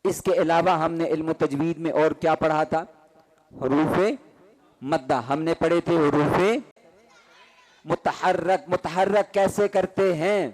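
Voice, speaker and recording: A man's voice: on the high side, steady tone, a little mellow. A man teaching a Quran recitation class, asking questions and having students repeat terms in rhythm. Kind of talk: classroom call-and-response lesson.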